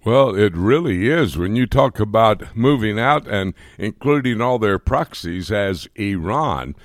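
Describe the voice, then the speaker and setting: A man's voice: fairly low pitch, lively intonation, a little slow, dry recording, clean studio sound. A man hosting a radio talk show, speaking in an assured, conversational way. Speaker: radio host.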